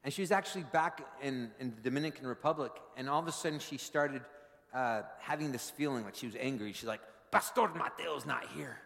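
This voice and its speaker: A male pastor telling stories from the pulpit and climbing into fervent, energetic preaching. His voice sits at a middle pitch and rings out with a long reverb in a large church sanctuary. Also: fast. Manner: animated, builds to fervent preaching. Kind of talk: sermon with storytelling.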